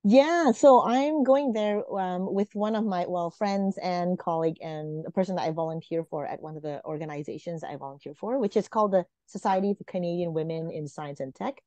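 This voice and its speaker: A woman in her forties from Malaysia talks briskly, with hardly any pauses, in a dark, lowish voice with no echo. As a guest on a casual interview by video call from a room at home, she speaks earnestly but often uses fillers and restarts, captured by a webcam mic in dull, lo-fi sound.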